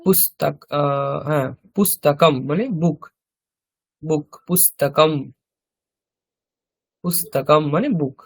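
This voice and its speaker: A male teacher with a Bengali accent, giving a slow vocabulary lesson and repeating each word carefully. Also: on the high side, steady tone. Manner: repeats each word slowly, explains pronunciation. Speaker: Sanskrit teacher. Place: language school classroom.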